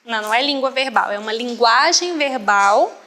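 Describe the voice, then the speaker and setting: A woman voicing a deaf guest's talk live as an interpreter, quick and often restarting her phrases, with a reverberant hall around her. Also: fairly high pitch, expressive, bright, forceful tone. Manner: quick, restarting phrases, mimicking others' tones.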